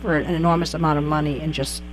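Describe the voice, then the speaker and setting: A woman with a fairly low voice hosts an interview in a chatty, inquisitive way. Her questions run long and wind around before landing. A faint noise sits under her voice. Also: fairly even intonation, fast talker, poor audio. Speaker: podcast host. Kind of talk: conversational interview.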